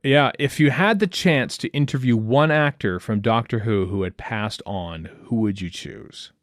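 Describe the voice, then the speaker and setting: A middle-aged man co-hosting a podcast in casual chat, animated and jokey, quick to exclaim. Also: mid-range voice, no echo, clean studio sound. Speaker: podcast co-host.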